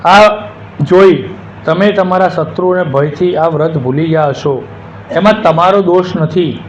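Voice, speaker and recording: A man reading as calm Krishna, consoling. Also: a little high, a little slow, natural voice. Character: Lord Krishna, calm divine counselor, man. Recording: dull lo-fi with faint hiss.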